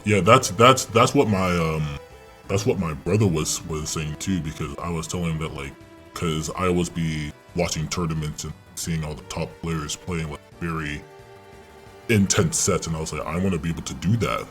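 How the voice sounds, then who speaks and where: A young man speaking through a voice changer that pushes his voice unnaturally deep, far below a normal male range. He talks hesitantly and rambles, filling gaps with ums and uhs. Soft music plays faintly behind him. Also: moderate pace. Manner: hesitant, rambling, many fillers. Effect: voice changer shifting the voice very deep. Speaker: student posing as a stranger.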